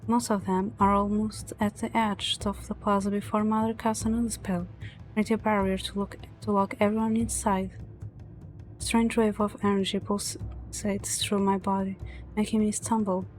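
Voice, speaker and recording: A woman's voice: medium pitch, little pitch movement, moderate pace, a little mellow, soft background music. A woman streamer reading story narration aloud from a visual novel, dramatic but stumbling over words now and then.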